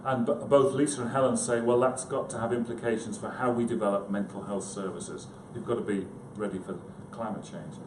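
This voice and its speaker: A psychiatrist addresses a conference informally, his medium-pitched voice fairly even in intonation and fairly quick, with few pauses. He sounds hesitant, makes fun of himself, and chats with listeners. The indoor room is echoey, with a clearly noisy background.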